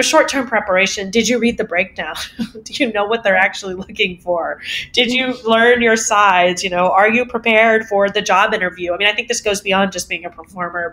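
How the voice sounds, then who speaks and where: A woman voice teacher answering interview questions in a casual, animated way, laughing often and poking fun at herself. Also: medium pitch, slight background noise. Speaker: voice teacher guest.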